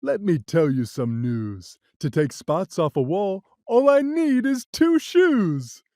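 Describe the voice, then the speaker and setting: A reader voicing a boastful male cat in a hat, booming and jolly, in a storybook reading. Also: very animated, slow pace, mellow, no room sound, studio quality. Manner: booming, jolly, laughing, show-off. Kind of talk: storybook read-aloud.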